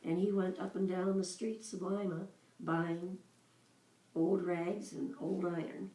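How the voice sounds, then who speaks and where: A woman in her seventies recalling her childhood for her child, telling it slowly with pauses. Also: lowish voice, little pitch movement, dark tone. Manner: unhurried storytelling with pauses. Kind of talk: casual reminiscing. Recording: roomy echo, voice from a distance.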